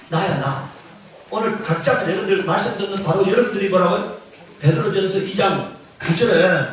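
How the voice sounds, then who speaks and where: A man's voice: sits high, a bit bright. A man preaching a sermon as pastor, quizzing the congregation and repeating key phrases with emphasis. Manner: call-and-response questioning of the congregation. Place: church sanctuary. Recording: very echoey church hall, mic at a distance.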